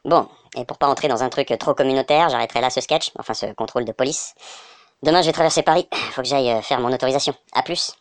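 A man's voice: mid-range voice, fast, no echo. A man delivering a crude, sardonic comic monologue as narrator. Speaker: comedian narrator.

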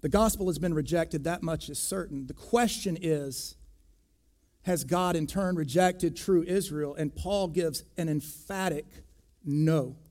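A pastor preaching a sermon, deliberate and emphatic, pressing hard on key words. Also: male voice, a little high, darkish tone.

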